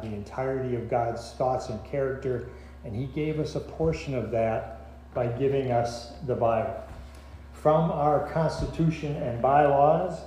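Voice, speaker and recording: A middle-aged man preaching a sermon as pastor, speaking in a slow, halting way with many filler pauses. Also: mid-range voice, warm tone. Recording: echoey church hall with faint noise.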